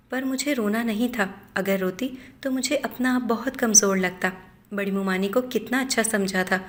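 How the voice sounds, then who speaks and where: Woman reading a scripted story aloud. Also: medium pitch. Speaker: story narrator. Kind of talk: scripted first-person storytelling narration.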